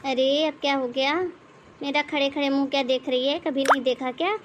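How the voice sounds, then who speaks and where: A woman's voice: high voice, fairly even intonation, normal speed, slight background noise, natural voice. A woman playing a bossy mother-in-law, taunting. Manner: taunting, commanding, sarcastic. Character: bossy middle-aged mother-in-law, scolding and mocking. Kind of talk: animated moral story voice acting.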